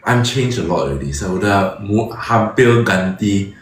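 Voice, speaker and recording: A man's voice: on the low side, animated, a little slow. A middle-aged man hosting a casual live-stream chat, switching back and forth between English and Indonesian and laughing often. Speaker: host. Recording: very echoey room with faint noise.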